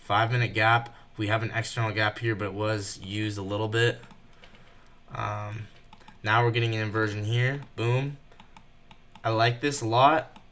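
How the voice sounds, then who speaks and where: Fast-talking nervous young man, bright voice. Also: on the low side, level tone, slight background noise. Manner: talks fast and nervously, thinking aloud. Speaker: day trader streaming live. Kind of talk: live trading commentary.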